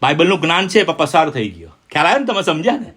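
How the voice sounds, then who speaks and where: A man's voice: on the high side, very animated, very fast, fairly bright tone, husky. A middle-aged man from India preaching a sermon with call-and-response. He speaks with emphasis and keeps asking his listeners questions.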